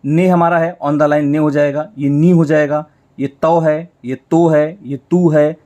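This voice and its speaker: A man with a fairly high voice teaches a class. He works through examples patiently, repeating each step and answering his own questions as he writes. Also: steady tone, warm tone. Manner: explains slowly, repeating each stroke. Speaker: shorthand teacher. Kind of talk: step-by-step whiteboard lesson.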